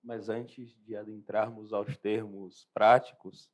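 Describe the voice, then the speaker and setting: A young seminarian hosting a podcast interview, asking questions and drawing comparisons in a formal, measured way. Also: male voice, lowish voice, flat delivery, a little mellow. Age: young adult.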